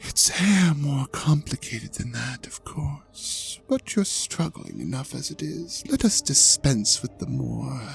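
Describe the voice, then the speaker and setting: In an intimate audio drama, a performer plays a smug, seductive ancient dragon god who teases and coaxes the listener in breathy half-whispers. The voice is medium-pitched and fully in character.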